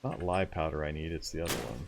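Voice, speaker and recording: A man's voice: very deep voice, fast talker, creaky, slight background noise. A man streaming a video game live, thinking aloud as he loots, explaining game mechanics and chatting back to viewers with easy laughs. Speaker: let's play streamer.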